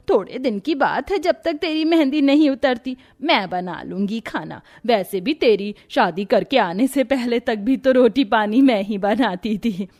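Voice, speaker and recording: Woman voicing a motherly mother-in-law. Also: sits high. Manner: motherly and coaxing, sometimes scolding. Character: kind, naive middle-aged mother-in-law. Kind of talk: Hindi cartoon voice acting.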